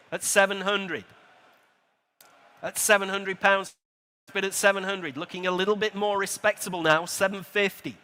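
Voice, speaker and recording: Casting: British man as live auctioneer and bid caller, high-pitched, forceful, courteous and jokey between repeated prices. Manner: chatty, jokey asides to bidders; polite, courteous address to bidders. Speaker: auctioneer calling bids. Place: large indoor auction hall at a motor show. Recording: PA voice in large reverberant hall.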